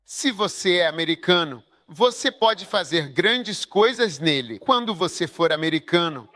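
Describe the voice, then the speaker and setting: A man's voice: high voice, lively intonation, unhurried, sharp tone, no room sound. A man preaching a sermon in voice-over, emphatic and full of rhetorical questions to his audience.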